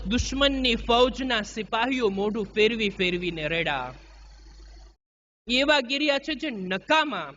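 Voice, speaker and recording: Slow high-pitched preacher, bright tone. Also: male voice, lo-fi sound, a little hiss or hum. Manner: slow, chanting delivery with sung verses. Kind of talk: majlis sermon.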